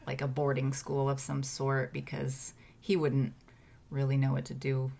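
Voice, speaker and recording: A woman's voice: very deep voice, monotone, unhurried, gravelly, dark tone. A woman guest on a podcast, thinking aloud about old records and what might have happened. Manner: thoughtful, speculating aloud. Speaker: history tour guest. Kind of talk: casual podcast chat.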